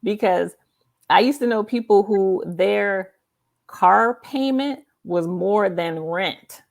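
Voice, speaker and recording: Slow and gravelly, this woman's mid-range voice belongs to the host of a live author interview show. She runs a casual interview, speaking emphatically and affirmingly and repeating points for her listeners.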